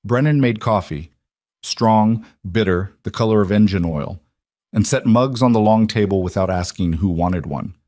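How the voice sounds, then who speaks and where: A man narrating a dramatic story in a measured, grave storytelling manner. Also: on the low side, dark tone, no echo, clean studio sound.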